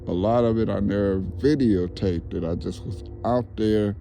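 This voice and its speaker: A man's voice: fairly low pitch, moderate pace, vocal fry, warm tone, a little hiss or hum. A man speaking casually as a paranormal investigator, putting questions to spirits and commenting to the camera outdoors. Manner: repeats the answers back as questions. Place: outdoors near woods.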